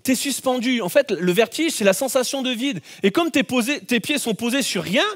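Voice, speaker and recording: A man preaching a sermon as pastor, telling a personal story with lively shouts and playful asides. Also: very high voice, a little fast. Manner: animated storytelling, acts out scenes with shouts.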